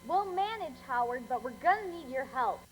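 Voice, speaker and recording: Brief: student actress as a commanding heroine, very high voice, echoey stage. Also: female voice, expressive, moderate pace, soft background music. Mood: determined. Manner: bold and commanding. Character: tough young woman taking charge, Connie. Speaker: stage actor in a school play. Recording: echoey auditorium, faint noise.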